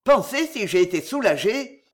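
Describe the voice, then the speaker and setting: A reader voicing a blunt rustic male gamekeeper with rough country speech in an audiobook. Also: sits high, big pitch swings, normal speed. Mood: urgent. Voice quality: rural working-class speech. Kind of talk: audiobook character reading.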